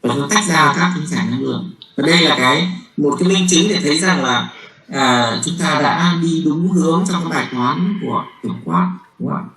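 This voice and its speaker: A man giving a university physics lecture. He talks haltingly, with many fillers and repeated words, and keeps checking with the class. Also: on the high side, bright, forceful tone, roomy sound, poor audio.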